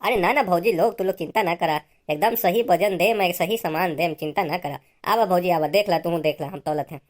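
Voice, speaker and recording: A woman's voice: lowish voice, a little fast, close to an everyday voice. A woman voicing a bald, pushy male village fruit seller in a cartoon, coaxing customers in a sing-song Awadhi accent. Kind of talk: cartoon voice acting.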